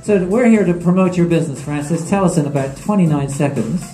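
A man's voice: fairly high pitch, fast talker, mellow, roomy sound, faint music behind, rough recording. A middle-aged man co-hosting a business interview, playful and teasing with his guest, using a handheld mic. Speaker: co-host. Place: small studio set with couches.

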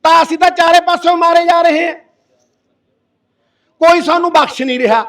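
A middle-aged Punjabi man roars an impassioned protest speech, his voice pitched very high for a man. He speaks from well away from the microphone, so he sounds distant. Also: brisk. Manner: impassioned, forceful, roaring. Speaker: activist addressing a protest gathering. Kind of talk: fiery public speech. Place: village protest sit-in. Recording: voice from far off the mic.

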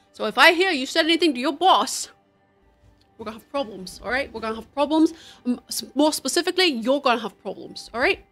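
Swaggering street tough, mock British slang, lower than her own voice, put on by a woman streamer. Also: sharp tone.

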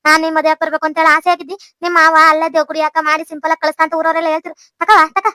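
A woman's voice: extremely high pitch, little pitch movement, racing, sharp tone, no echo, soft background music. A woman voicing a doting old village grandmother in a cartoon, with a North Karnataka Kannada accent and a fussy, gushing manner. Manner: fussy, gushing, lots of sighs. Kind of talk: cartoon voice acting.

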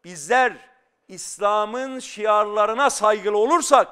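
A man's voice: high voice, slow, pushed and bright, clean tone. A middle-aged male scholar speaking as a guest on a studio talk show, explaining earnestly and building to fervent emphasis. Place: television studio.

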